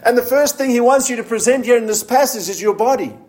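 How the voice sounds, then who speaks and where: A man preaching a sermon in a notably high voice. He puts questions to his listeners and laughs lightly now and then. When he reads scripture, his voice turns low and slow. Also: a little mellow. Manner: slows down to read scripture in a low, solemn voice.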